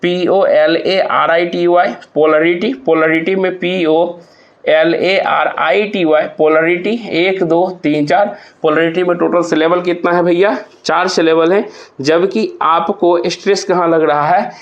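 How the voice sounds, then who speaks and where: An exam prep teacher with a slightly high voice and fairly even intonation leads a revision lesson, spelling each word slowly letter by letter and repeatedly questioning his students. The audio is muffled and lo-fi.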